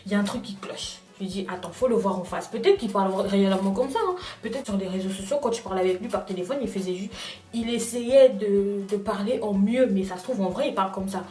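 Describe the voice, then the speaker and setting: A young woman vlogger telling a personal story in casual chat, talking straight to her viewers in an animated way. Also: medium pitch, fast talker, roomy sound, distant mic. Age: young adult. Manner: animated, addresses viewers directly.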